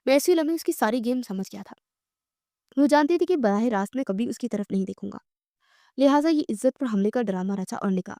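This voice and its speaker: A woman's voice: fairly high pitch, animated, dark tone, dry recording, studio quality. A woman voicing a devoted young husband in a romance audiobook, speaking in an earnest, reassuring way.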